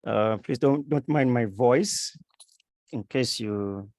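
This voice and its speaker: A man teaching a live online coding class with a sore throat, talking slowly with many pauses and fillers. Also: mid-range voice, darkish tone, no room sound. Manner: slow, halting, many fillers. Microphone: computer mic on a video call.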